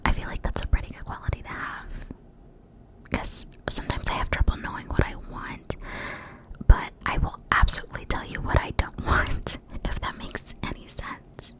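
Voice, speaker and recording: A young American woman gives a rambling ASMR talk in a breathy whisper close to the mic, sometimes slowly repeating words. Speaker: ASMR creator. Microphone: close mic for cupped whispering.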